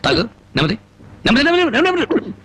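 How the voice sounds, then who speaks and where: An actor playing a fiery, defiant man who thunders speeches and makes comically gruff threats in a film scene. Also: extremely high pitch, wildly swooping pitch, very fast, heavily acted. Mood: comic bluster. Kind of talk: Telugu film dialogue. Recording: film soundtrack with loud music.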